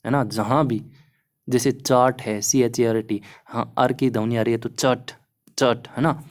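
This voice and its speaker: A man's voice: mid-range voice, steady tone, measured pace. Hindi-speaking man teaching exam phonetics. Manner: encouraging, repeats "है ना" often. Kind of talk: explaining lesson over slides.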